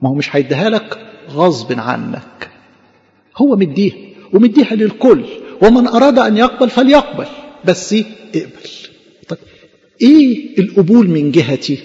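A man preaching with an Egyptian Arabic accent, his voice pitched high and his delivery quick. He keeps posing questions and answering them himself, like a lively chat with the congregation. The sound rings with a long hall reverb and is slightly dull. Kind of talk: sermon.

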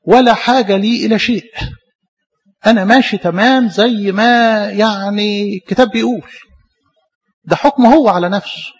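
A man's voice: high voice, husky, lo-fi sound. A man with an Egyptian Arabic accent preaching a sermon, asking rhetorical questions and repeating phrases for emphasis.

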